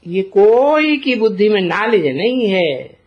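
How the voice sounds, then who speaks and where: A man giving a slow spiritual discourse as a teacher, deliberate and posing rhetorical questions to his listeners. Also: high voice, sing-song. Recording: dull lo-fi recording.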